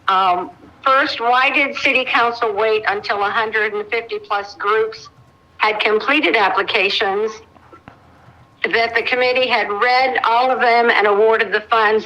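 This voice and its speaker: A woman's voice: fairly high pitch, bright, forceful tone, muffled recording. A woman calling in over a phone on speaker, methodically reading a list of questions as a public commenter at a council meeting. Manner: methodical, lists questions one by one. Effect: heard over a phone on speaker. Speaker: caller making public comment.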